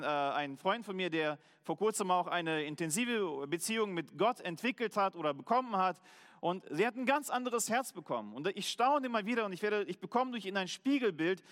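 A German man preaching a sermon as pastor, earnest, slowing down to stress key words. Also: high-pitched, a bit bright, big-room sound.

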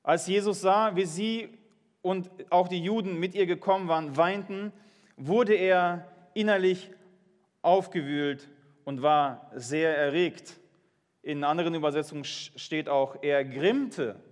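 High-voiced man preaching in echoing hall. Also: unhurried. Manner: earnest, questioning the congregation. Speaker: pastor. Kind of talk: sermon with Bible reading.

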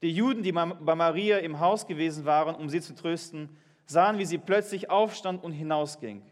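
A man's voice: a little high, normal speed, big-room sound. A man preaching a sermon, reading Bible verses and putting earnest questions to his congregation. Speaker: pastor.

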